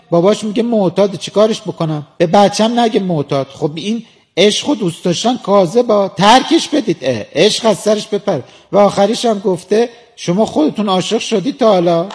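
A man's voice: high voice, a little mellow. A man hosting a radio comedy sketch as a mock advice doctor, answering letters with sarcasm. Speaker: comic host playing a love advice doctor.

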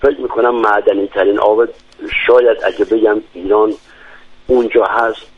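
A man's voice: fairly low pitch, fairly even intonation, dry recording. Eager man. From Lorestan, Iran. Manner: enthusiastic, descriptive, many hesitations. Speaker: guest from a village. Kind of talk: radio interview. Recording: dry, dull lo-fi radio sound.

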